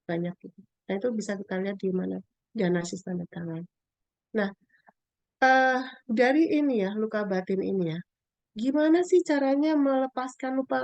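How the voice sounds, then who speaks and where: A middle-aged woman talks through her own story in a casual, animated way. She jumps up in pitch and volume when she plays out quoted remarks. The recording is close and dry, no room sound. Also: vocal fry, no room sound. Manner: animated, acts out quoted lines in a raised voice. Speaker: speaker sharing a personal story about inner wounds. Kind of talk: casual testimonial talk.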